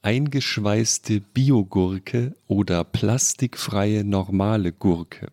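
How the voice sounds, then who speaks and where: A male podcast host fires off quick either-or questions in a brisk, playful way. His voice is fairly low and mellow. The close, dry sound has no room to it. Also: no room sound. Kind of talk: quizzing a guest in a quick question game.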